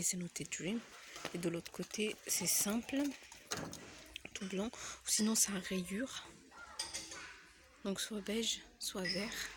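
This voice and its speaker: A soft-spoken woman with a slight cold, walking through a store and listing decor items and prices for her vlog, often dropping almost to a whisper. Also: medium pitch, background noise. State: has a cold. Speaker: home decor vlogger. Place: inside a large home goods store.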